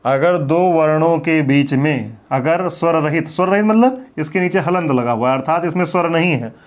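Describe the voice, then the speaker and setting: High-voiced man teaching a grammar lesson. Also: moderate pace. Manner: asks questions and answers them himself, repeats key points. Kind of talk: classroom grammar lecture.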